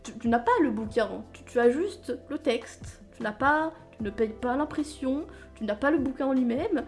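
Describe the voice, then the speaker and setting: Rambling, self-mocking woman with a higher voice. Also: moderate pace, soft background music. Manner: rambling and self-mocking, stumbles over words; laughs at herself often. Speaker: book vlogger. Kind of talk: casual chat.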